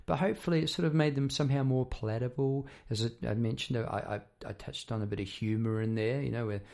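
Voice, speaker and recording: A man with a croaky, tired-sounding voice talks casually and reflectively about his craft as a songwriter, rambling and often repeating words as he goes. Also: mid-range voice, fast, a little mellow. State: croaky voice after poor sleep. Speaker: songwriter and musician hosting a half-hour talk.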